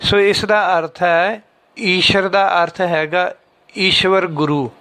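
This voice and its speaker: A man teaching how to read and understand scripture, patiently repeating lines and chanting them slowly to show the pauses. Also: high-pitched, steady tone, pushed and bright. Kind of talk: explanatory religious lesson.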